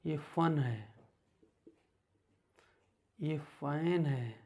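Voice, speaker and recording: A man teaching beginners English words, slowly and patiently repeating each word. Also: on the high side, mellow.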